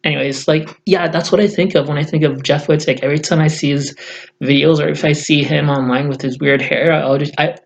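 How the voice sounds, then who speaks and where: A man's voice: a little high, fairly even intonation, brisk, gravelly. A man in a casual vlog rant, blunt and profane, rambling with many fillers, who says he has just woken up. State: just woke up. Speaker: YouTuber.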